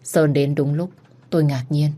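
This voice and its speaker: A woman's voice: low voice, fairly even intonation, normal speed, mellow. A woman reading a romance story aloud in the first person, telling it expressively. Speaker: audiobook narrator.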